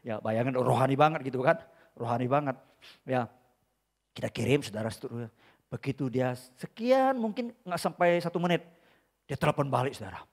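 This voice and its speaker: A male pastor preaching an emphatic sermon at a church service, swinging between loud bursts and quiet asides and calling out to the congregation often. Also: mid-range voice, animated, fairly quick, long pauses. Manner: addresses the congregation again and again as brothers and sisters.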